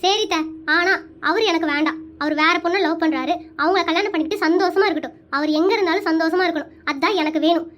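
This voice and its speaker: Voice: very high-pitched, fast. A voice actor doing a shy lovesick young woman. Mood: wistful. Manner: timid, pleading and soft. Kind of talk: animated cartoon voice acting.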